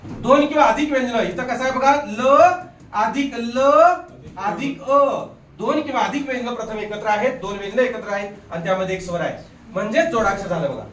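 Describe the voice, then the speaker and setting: High-voiced male teacher quizzing a classroom. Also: a little hiss or hum. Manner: drills students with quick questions, repeats "बघा". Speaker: grammar teacher. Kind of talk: live classroom lesson. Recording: echoey room from a distant mic.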